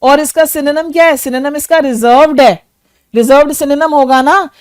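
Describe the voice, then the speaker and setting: A woman's voice: sits high, steady tone, brisk, darkish tone, no room sound, clean studio sound. A woman with an Indian accent teaching English vocabulary for an exam, explaining meanings and spelling words out letter by letter. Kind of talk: exam-prep lesson.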